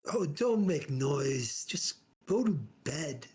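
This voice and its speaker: A man's voice: a little high, sing-song, slow, a little mellow, slightly rough. A man playing in a tabletop game, speaking his character's lines in improvised role-play.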